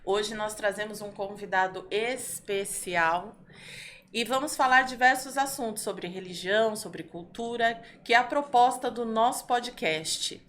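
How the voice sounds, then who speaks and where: A woman's voice: mid-range voice, unhurried, a bit bright. A woman hosting a podcast, opening the show and asking her guest questions in a friendly, conversational way. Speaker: podcast host. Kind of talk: casual podcast interview. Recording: faint background noise.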